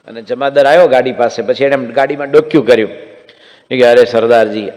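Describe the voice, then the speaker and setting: A man's voice: mid-range voice, quick pace, darkish tone. A man, a monk, giving a humorous sermon, telling jokes and acting out characters in a large hall. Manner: jokey storytelling, acts out characters. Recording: echoey hall, faint background noise.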